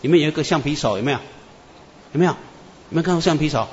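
A man preacher, telling dream testimonies in an animated storytelling sermon. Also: on the high side, rapid-fire, slight background noise. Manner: animated storyteller, many "啊" and "哈" tags. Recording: echoey muffled hall with faint ambience.

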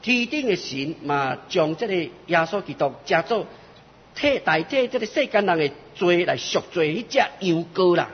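A man preaching a sermon in short phrases, pausing for interpretation, in a church hall. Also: sits high, big pitch swings, husky. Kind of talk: sermon in Taiwanese Hokkien. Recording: lo-fi recording with long hall reverb.

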